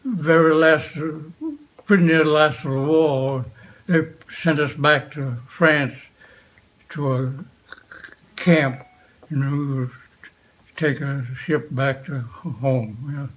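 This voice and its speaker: An elderly man, a veteran, remembering his past in an unscripted interview, speaking in short, halting phrases with frequent pauses. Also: on the high side, fairly even intonation, poor audio. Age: 80s or older. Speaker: war veteran being interviewed. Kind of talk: unscripted reminiscence, recalling the past.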